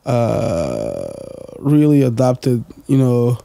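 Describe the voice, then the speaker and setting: Here the young Portuguese music producer sounds slow, gravelly and dark, his mid-range pitch swooping wildly as he rambles through a casual podcast chat. He's a native Portuguese speaker in his twenties, filling his talk with fillers and the odd swear word, recorded dry.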